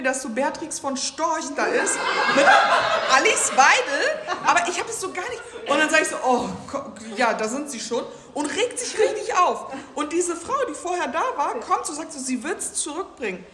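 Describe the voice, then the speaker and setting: A woman speaking as a guest at a public talk, telling an animated, slangy anecdote and acting out the dialogue. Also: sits high, moderate pace, noisy background. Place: museum event space. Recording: roomy hall sound.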